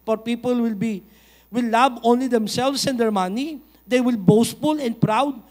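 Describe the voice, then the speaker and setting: A middle-aged man with a Filipino accent preaching a sermon in church, animated and switching between Tagalog and English, sometimes rising to a shout. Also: extremely high pitch, unhurried. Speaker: pastor.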